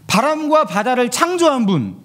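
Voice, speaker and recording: A man's voice: extremely high pitch, very animated, moderate pace, a bit bright. A man, the pastor, preaching a Sunday sermon and asking the congregation questions as he goes.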